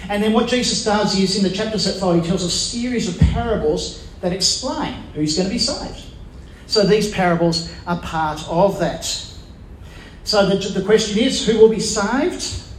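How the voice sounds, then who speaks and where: A man with a high voice preaches a sermon and keeps turning to his listeners with questions. He lets pauses carry his emphasis. The sound is roomy and echoey, with a faint hum of ambience behind him.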